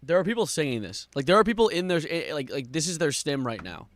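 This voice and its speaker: A man doing live stream reaction commentary with exasperated, sarcastic complaining, moving between muttering and louder outbursts. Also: a little high, sing-song, quick pace, over loud music.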